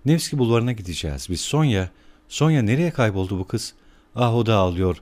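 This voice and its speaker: Man putting on a shrill frantic widowed mother. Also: lively intonation, a little fast, a little mellow, lightly acted.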